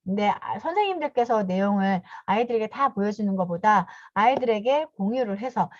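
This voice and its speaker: Over a video call, a woman in her fifties leads teachers through an online training session step by step, courteously dotting her phrases with a quick affirming "yes." Her voice is medium-pitched, with lively intonation and a brisk pace, and there's no room sound. The video call mic gives the audio a dull, dry quality.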